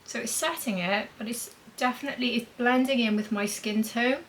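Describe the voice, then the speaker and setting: A woman's voice: on the high side, steady tone, fairly quick, a bit bright, a little hiss or hum, rough recording. A woman demonstrating makeup in a chatty vlog, thinking aloud as she applies blush and powder. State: talking with a mint in her mouth. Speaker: beauty vlogger.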